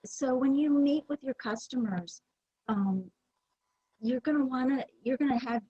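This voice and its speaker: A woman's voice: a little high, breathy edge, no echo, muffled recording. A woman giving a conference presentation, talking in a conversational way with many fillers and restarts. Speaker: presenter at a user group meeting.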